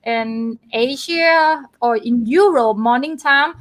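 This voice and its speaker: Higher-pitched Thai-accented woman teacher. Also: slow pace. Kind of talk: casual livestream chat.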